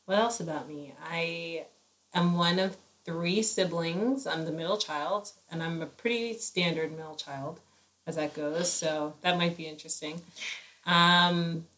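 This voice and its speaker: A woman's voice: on the low side, unhurried, fairly bright tone, poor audio. A woman in her late twenties from New Jersey, co-hosting a podcast in easygoing casual chat, laughing often and trailing off with ums. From New Jersey, USA. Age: 20s. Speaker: podcast co-host.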